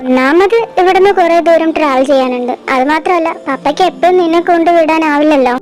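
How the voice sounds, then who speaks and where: A woman's voice: extremely high pitch, fast talker, low-quality recording. A young woman voicing a nagging, exasperated mother in a fan dub drama, with faint music behind. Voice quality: sharp, nagging. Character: scolding middle-aged mother, exasperated.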